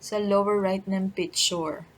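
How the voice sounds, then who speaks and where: A woman with a Filipino accent presenting a step-by-step software tutorial in an instructional way, often adding short check-in tags. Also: mid-range voice, steady tone, measured pace, poor audio.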